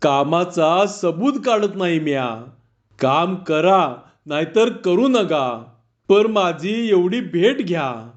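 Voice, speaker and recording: A man's voice: sits high, animated, slow pace. Casual: poor village guy begging a favour, rustic talk, a man doing the voice, dull lo-fi sound. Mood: pleading. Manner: rustic village speech, coaxing.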